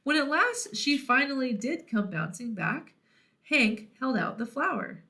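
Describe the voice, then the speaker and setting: A woman reading a picture book aloud to children in an expressive storytelling style. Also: high-pitched, a little slow. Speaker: children's read-aloud host.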